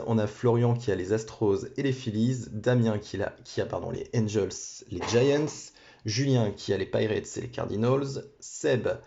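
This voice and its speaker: A man's voice: fairly low pitch, mellow. A man hosting a sports card break, chatting casually and hesitantly with many restarts and small apologies. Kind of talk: casual card-opening commentary. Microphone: phone. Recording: dull lo-fi phone audio.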